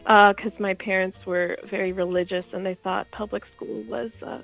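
A woman in her twenties calling in to a show, speaking in a nervous, giggly, soft-spoken way over dull, lo-fi call audio. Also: mid-range voice, steady tone, normal speed, gravelly, soft background music. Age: 20s. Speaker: caller. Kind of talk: phone-in conversation.

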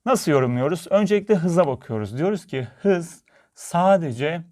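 A man's voice: fairly high pitch, expressive, normal speed, a little mellow. A man teaching a physics video lesson, friendly and talking straight to his viewers as friends.

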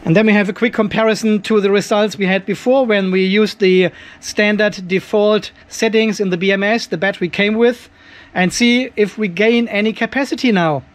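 An older man, host of an off-grid DIY channel, offers casual, chatty technical commentary for a video, walking through things informally step by step. His voice is high with fairly even intonation at a normal speed, recorded indoors in a cluttered garage workshop.

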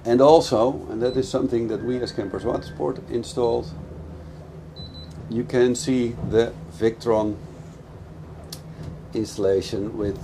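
A man's voice: medium pitch, steady tone, a little slow, pauses often. A middle-aged man, a boat dealer, gives an enthusiastic, explanatory walkthrough of a boat aboard a moving motorboat. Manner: enthusiastic, explanatory, speaks over engine noise. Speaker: boat dealer giving a product review. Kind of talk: casual product walkthrough. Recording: loud engine and wind noise. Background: boat engine and water noise.

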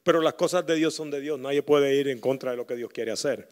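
A middle-aged man preaching a sermon as pastor. He reads scripture aloud, leads a prayer, and swings between loud emphasis and quiet asides. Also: mid-range voice, a little fast.

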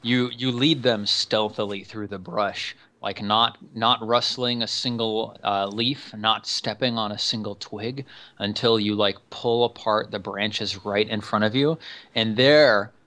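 Bright-voiced male game master. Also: lowish voice, fairly even intonation, a little slow. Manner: casual, lots of "like" fillers. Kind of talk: narrating a tabletop game.

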